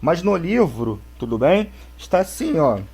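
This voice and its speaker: A male teacher with a Brazilian accent gives a recorded English grammar lesson to schoolchildren. He explains slowly and keeps checking in with the class. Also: on the high side, big pitch swings, darkish tone, husky. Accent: Brazilian Portuguese. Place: home, for a video lesson.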